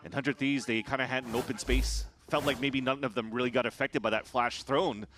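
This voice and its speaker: A man doing color commentary on an esports match, calmly explaining the tactics. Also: medium pitch, slight background noise. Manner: measured, explanatory, breaks down tactics. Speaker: esports caster.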